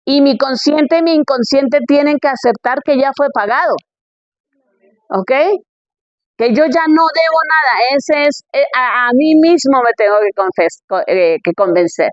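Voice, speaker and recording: Woman preaching, high voice, reads bible verses, keeps asking "ok?", dull dry recording. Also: unhurried, no echo. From Colombia.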